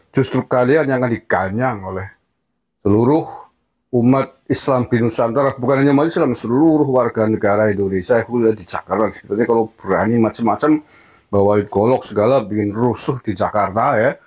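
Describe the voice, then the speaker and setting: A man gives an opinionated political monologue, switching between a steady lecturing tone and heated, mocking taunts. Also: fairly low pitch. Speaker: political commentator.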